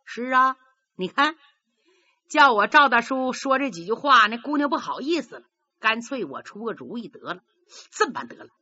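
A woman voicing a sly middle-aged man who speaks in a hushed, wheedling way in a storytelling performance. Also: on the high side, very animated, moderate pace, no room sound, highs cut off, full character voice. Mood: coaxing.

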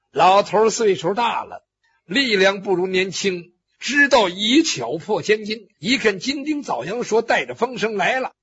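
A man's voice: sits high, a bit bright, breathy edge. A man telling a traditional Chinese story vividly, with spoken sound effects and acted cries. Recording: dull lo-fi recording.

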